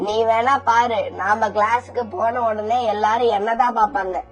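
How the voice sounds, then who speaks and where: A woman's voice: on the high side, steady tone, normal speed, soft background music, natural voice, rough recording. A woman voicing a boastful, snobbish rich sparrow child in a cartoon. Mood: bragging. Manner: bragging, snobbish. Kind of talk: cartoon voice acting.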